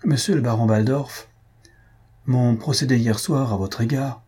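Man reading as a composed count, cool, formal, husky, dark. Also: mid-range voice, steady tone, measured pace. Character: calm, composed male count.

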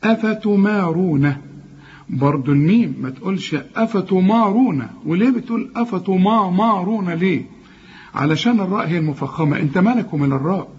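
A husky Egyptian man in a Quran recitation lesson, his voice set a little higher than most men's. He stretches each recited word out slowly, then hurries through the rules. The recording sounds dull and lo-fi. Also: animated, a little mellow. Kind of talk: tajweed lesson, explaining rules between recited words.

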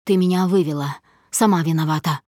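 A woman's voice: sits low, a little fast, darkish tone, dry recording, studio quality, pitched below the performer's own voice. A woman voicing a domineering, jealous husband who speaks harshly and in clipped phrases. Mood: menacing.

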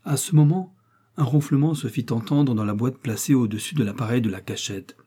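Male audiobook reader, mellow husky tone, steady novel narration. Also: mid-range voice, brisk. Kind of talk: scripted narration of a wartime novel.

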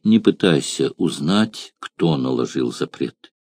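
A man voicing a trembling, sorrowful young woman in an audiobook, speaking in hushed, broken phrases. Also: lowish voice, very animated, measured pace, vocal fry, no room sound, clean studio sound, heavily acted. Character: anguished young woman, gladiator's sister.

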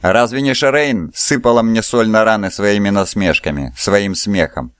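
A man voicing a defiant, calculating young man held as a slave, calm and mocking. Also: on the low side, moderate pace, clean tone, dry recording, studio quality, natural voice.

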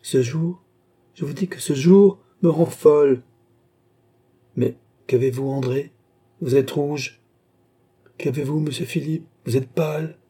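Audiobook casting: man doing a playful, imperious young queen, voice lifted high, dark and a little husky. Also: takes it slowly, long pauses. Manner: exuberant, raised pitch. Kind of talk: audiobook reading.

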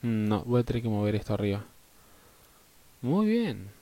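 A man's voice: lowish voice, big pitch swings, moderate pace, warm tone, no room sound. A man with an Argentine Spanish accent chatting casually and swearing as a live game streamer, often muttering to himself.

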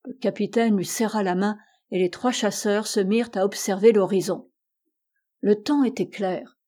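A woman narrating a classic adventure novel as an audiobook reader, in a steady, measured way. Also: mid-range voice.

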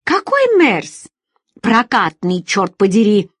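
Woman reader doing a lazy, condescending young secretary, shrill, dry close sound. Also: animated, unhurried, dry recording. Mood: indignant. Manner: condescending, shrill when irritated.

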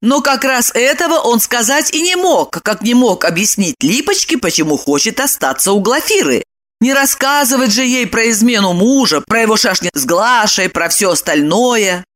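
A high, bright woman's voice reading a story aloud, scripted and expressive. Her pitch moves a lot as she carries the narration. Measured audiobook delivery.

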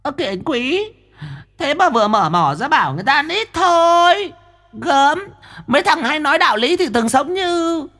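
A man voicing a greedy, cheeky young woman spirit medium who whispers in a high, teasing voice. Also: big pitch swings, normal speed, fairly bright tone, full character voice. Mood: mocking.

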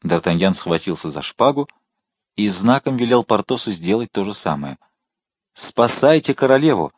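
A male narrator reading a historical novel aloud with steady expression. His voice is on the low side. The recording is dry and close. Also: normal speed, slightly rough, dry recording. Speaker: audiobook narrator. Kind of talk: scripted narration.

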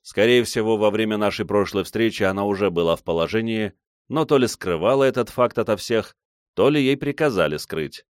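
Low-voiced male audiobook narrator, dry. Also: expressive, fairly quick, smooth, dry recording. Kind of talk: first-person scripted narration.

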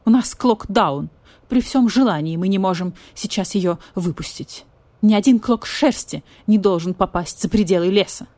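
A woman's voice: mid-range voice, moderate pace, dark tone, dry recording, natural voice. A woman doing an indignant vulture cop. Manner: indignant, clipped and emphatic. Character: stern fussy vulture police officer.

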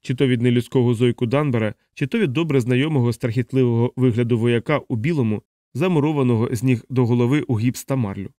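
A male narrator with a dark, mellow voice reads a novel aloud at a steady, even pace. The recording is dry and close, with no room sound around him. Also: medium pitch, quick pace, few pauses, dry recording. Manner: steady, even literary reading. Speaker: audiobook narrator. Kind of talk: scripted audiobook narration.

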